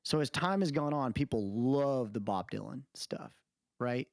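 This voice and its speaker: A male podcast co-host with a creaky, mid-range voice rambles loosely and unhurriedly through opinionated music commentary in casual chat. The recording is dry, with no room sound.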